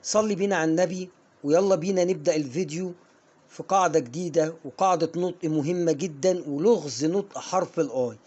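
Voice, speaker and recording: A man with an Egyptian Arabic accent giving an online English pronunciation lesson, coaxing viewers and slowing down to model each word. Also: fairly high pitch, a little mellow, muffled recording. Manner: coaxing, drills viewers, slows down to model words.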